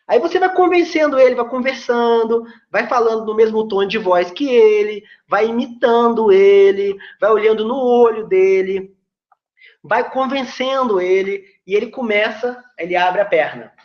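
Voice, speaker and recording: Brazilian sales coach with a lively voice. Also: male voice, high voice. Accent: Brazilian Portuguese. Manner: chatty, persuasive, explanatory. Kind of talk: casual video lesson. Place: seated indoors facing camera. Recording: roomy dull lo-fi recording.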